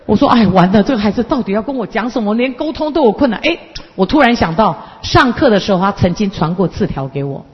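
Woman in her 50s, quick and husky, storytelling lecture into a handheld mic, echoey hall. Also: medium pitch. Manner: lively, acts out dialogue and mimics people. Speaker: counseling lecturer. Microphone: handheld microphone. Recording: echoey hall, dull lo-fi sound.

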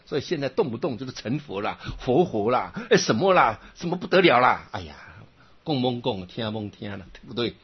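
A man giving an animated Buddhist dharma talk, telling stories and asking many rhetorical questions. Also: medium pitch, fairly quick, slightly rough, dull audio.

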